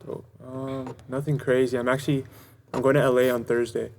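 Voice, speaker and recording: Man, from Canada, guest host, gravelly fry, monotone, faint music underneath. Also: medium pitch, fairly quick, slight background noise. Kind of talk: casual chat.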